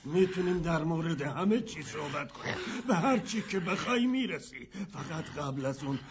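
A man's voice: fairly high pitch, lively intonation, lo-fi sound, a crowd in the background, natural voice. An actor dubbing a cowardly crime boss who begs for his life. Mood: placating. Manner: placating, then panicked begging. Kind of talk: Persian film dub.

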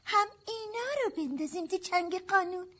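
A woman's voice: extremely high pitch, sharp tone. A woman dubbing an anxious amateur-detective sister with a pleading, tremulous manner. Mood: earnest. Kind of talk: dubbed film acting. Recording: dull lo-fi dub track.

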